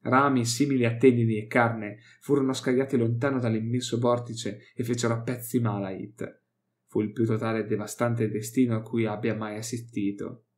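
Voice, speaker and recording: A man's voice: medium pitch, little pitch movement, normal speed. Italian man reading a novel aloud. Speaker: audiobook reader. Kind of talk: first-person novel narration.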